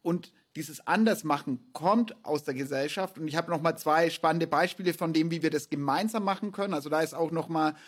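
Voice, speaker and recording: Husky-voiced man hosting a podcast. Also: a little high, a little fast, few pauses. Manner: reflective, enthusiastic, long winding sentences. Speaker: podcast host. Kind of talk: podcast conversation.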